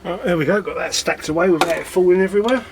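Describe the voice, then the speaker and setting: A man's voice: high-pitched, quick pace, gravelly, noisy background. Chatty man tinkering in a garage. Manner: chatty, self-mocking, muttering while working. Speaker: scrapping vlogger. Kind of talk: casual chat while working.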